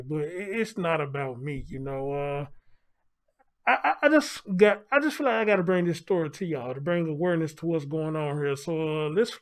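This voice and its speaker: A middle-aged man speaking through a face mask, giving casual commentary as the host of a show. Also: fairly high pitch.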